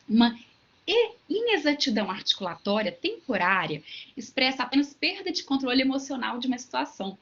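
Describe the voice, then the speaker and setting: Woman with a Minas Gerais accent, high voice, explanatory online lecture, dull lo-fi audio. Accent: Minas Gerais Brazilian Portuguese. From Minas Gerais, Brazil. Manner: explanatory, with everyday examples and asides. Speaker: lecturer on voice care for teachers.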